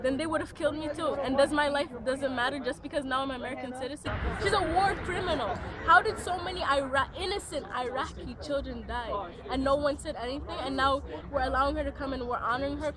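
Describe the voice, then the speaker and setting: A woman's voice: sits high, fast. A young woman protester speaking emphatically in an interview, often saying "like". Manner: emphatic, uses "like" a lot. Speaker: student protester. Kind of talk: impassioned street interview. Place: outdoors at a protest. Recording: outdoors amid loud crowd.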